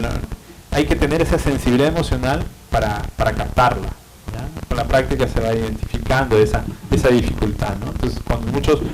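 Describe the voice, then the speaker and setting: A psychiatry lecturer with a Peruvian Spanish accent gives a university lecture at a middle pitch. He explains patiently, padding points with fillers and tag questions, over clear background noise.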